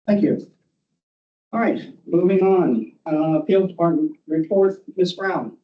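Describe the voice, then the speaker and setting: A man chairing a formal board meeting, moving briskly through procedure. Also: a little high, roomy sound. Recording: muffled, distant meeting microphone.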